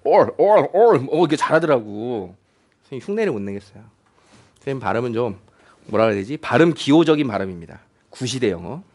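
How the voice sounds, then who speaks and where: A man's voice: mid-range voice, animated, fast, darkish tone. A middle-aged man teaching a math class, chatty and often quizzing his students with questions. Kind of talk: classroom lecture.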